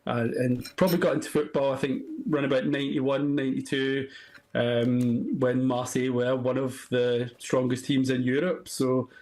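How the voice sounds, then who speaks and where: A man's voice: medium pitch, little pitch movement, normal speed, a little mellow, rough recording. A Scottish man in his forties, a podcaster joining a sports show by video call, talking in an earnest, somewhat hesitant way. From Scotland. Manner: earnest, a bit hesitant with many ums. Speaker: podcaster guest. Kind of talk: casual chat.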